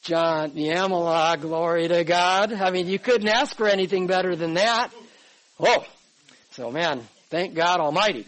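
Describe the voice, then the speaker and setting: An older man in his sixties with a notably high voice leads a Bible class from his notes. He talks in an emphatic, conversational way and keeps checking in with his listeners through "all right?" and "okay". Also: unhurried, fairly bright tone, low-quality recording. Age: 60s. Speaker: pastor teaching a Bible class.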